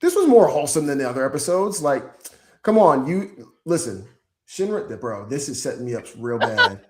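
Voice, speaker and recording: A man co-hosting a podcast, chatting casually about anime with playful, animated bursts. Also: medium pitch, normal speed. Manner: animated, playful, bursts into loud mock chants. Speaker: podcast co-host.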